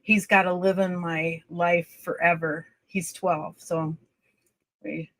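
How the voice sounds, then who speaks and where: A woman guest telling a personal story in a livestream interview, earnest and halting, often restarting her sentences. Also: fairly low pitch, flat delivery.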